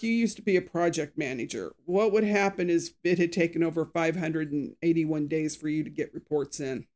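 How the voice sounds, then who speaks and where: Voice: medium pitch, darkish tone. A true crime show host in a casual live recap, chatty and opinionated, greeting viewers by name and reading out quotes with added emphasis. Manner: reads out quotes with acted emphasis.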